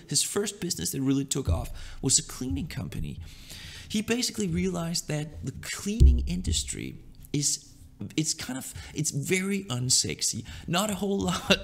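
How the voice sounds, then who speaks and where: A young man from Denmark giving relaxed business advice in a loose, chatty monologue, often checking in with "right?". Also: on the high side, creaky. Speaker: online business vlogger.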